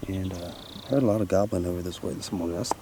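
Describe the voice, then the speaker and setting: A man filming his own hunt outdoors, talking plainly and casually to the camera, a little out of breath. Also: very fast. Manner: plainspoken, low-key field talk, at times whispering. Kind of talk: casual outdoor vlog narration. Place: outdoors in hilly prairie woods. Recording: outdoor field recording with background noise.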